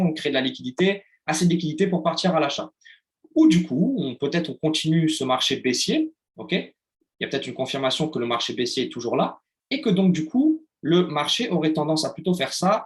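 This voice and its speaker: A man teaching a live online trading lesson in a chatty way, often checking in with his listeners and using playful sound words. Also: on the high side. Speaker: trading instructor.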